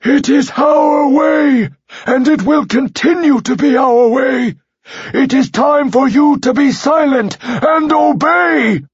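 A man voicing a shrill, cold-hearted male alien leader in a storybook reading, who gives commands and shouts in anger. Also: slow, husky, dry recording, muffled recording, exaggerated voice. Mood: furious, shouting.

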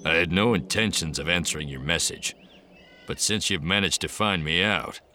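A man's voice: low-pitched, moderate pace, bright, forceful tone, a little hiss or hum. A man doing a chuckling folksy old hermit. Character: jovial old male hermit with homebrew.

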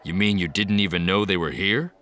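A man's voice: deep voice, brisk, sharp tone, a little hiss or hum. A man voicing a jovial old hermit who talks in a folksy, chuckling, rambling way.

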